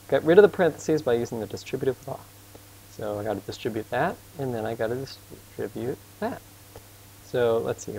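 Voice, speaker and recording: A man's voice: mid-range voice, creaky, a little mellow, slight background noise, low-quality recording. A man tutoring math casually and patiently, asking his student questions as he works. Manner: casual and patient, quizzes his student, admits he talks fast. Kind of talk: informal tutoring lesson.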